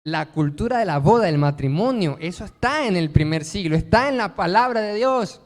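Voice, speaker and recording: A man's voice: sits high, expressive, moderate pace, big-room sound. A man preaching a sermon as pastor, emphatic, posing rhetorical questions and answering them himself.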